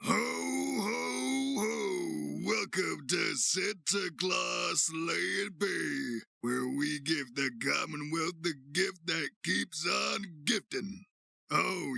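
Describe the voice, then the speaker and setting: A man voicing a crude, jolly biker Santa Claus for a game mod, in a throaty rasp with a jutting-jaw, gruff, booming delivery. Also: pushed and bright, no room sound, clean studio sound, heavily acted. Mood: jolly, boastful, then menacing, gleeful. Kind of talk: video game mod character voice.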